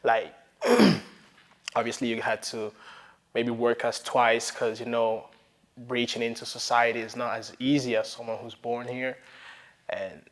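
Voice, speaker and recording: A young man from Nigeria who grew up in Italy, talking casually as an interview guest, relaxed and rambling with lots of fillers. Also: medium pitch, unhurried. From Nigeria, raised in Italy. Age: young adult. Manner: relaxed, rambling, many fillers and "you know". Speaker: interview guest, sneaker developer.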